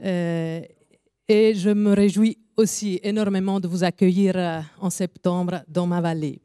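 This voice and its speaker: A woman with an Italian accent, not a native French speaker, giving a careful, measured formal speech at an evening event. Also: fairly low pitch, fairly even intonation, warm tone, clear, resonant tone, no echo, clean studio sound. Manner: careful, apologetic about her French, measured delivery with pauses. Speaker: invited speaker.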